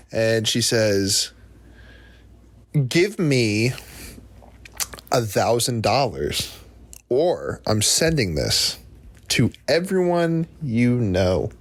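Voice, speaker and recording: A man in his twenties from New Jersey, telling a comic story on a podcast and acting out the people in it. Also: mid-range voice. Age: 20s. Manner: animated, acts out quoted voices. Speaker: podcast host. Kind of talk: comedic storytelling.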